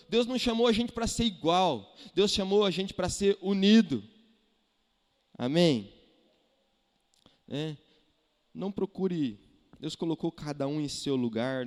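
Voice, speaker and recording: A Brazilian man preaching a sermon as pastor, animated, firing rhetorical questions and acting out quotes. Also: a little high. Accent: Brazilian Portuguese. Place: church hall. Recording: echoey church hall.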